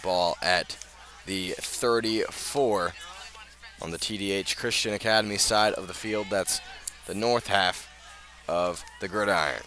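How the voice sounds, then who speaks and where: An American radio announcer covers a football game live in a deep voice with a bright, forceful tone. He keeps it measured between plays, then swells with the action. Slight background noise is audible.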